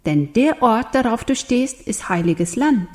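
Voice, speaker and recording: A woman voicing God as an almighty male figure in a children's Bible story, speaking in solemn, measured commands. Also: on the high side, expressive, pitched above the performer's own voice.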